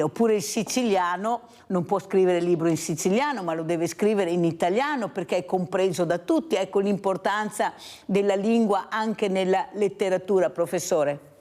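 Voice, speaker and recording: A woman hosting a regional morning talk show, briskly introducing reports and putting chatty questions to a guest professor. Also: fairly low pitch, darkish tone.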